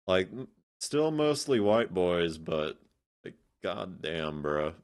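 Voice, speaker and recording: A man's voice: deep voice, very animated, takes it slowly. A man giving blunt, sarcastic reaction commentary, swearing freely and scattering fillers as he talks. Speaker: commentary streamer.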